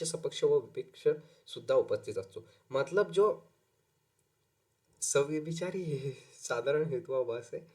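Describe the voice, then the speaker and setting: A man teaching an exam-prep lesson. His voice sits at a middle pitch. He keeps posing rhetorical questions and answering them as he explains. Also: a little mellow.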